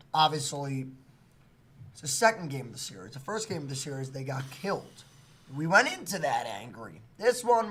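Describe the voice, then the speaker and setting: A man's voice: a little high, fairly bright tone. Man rambling about baseball. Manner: rambling, filler-heavy. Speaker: baseball livestream co-host. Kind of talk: casual fan chat.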